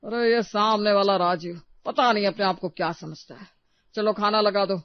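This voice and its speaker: A woman's voice: medium pitch, fairly even intonation, moderate pace, no room sound, close to an everyday voice. A woman voicing a grumpy, proud and stingy old father-in-law who scolds and dismisses everyone, in a storybook tale. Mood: grumbling. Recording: dry, slightly dull recording.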